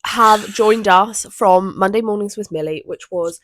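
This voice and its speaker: Unhurried and medium-pitched, this Southern English co-host in her twenties chats casually on a podcast, often wandering off topic. She records in a room with an open window, with no echo.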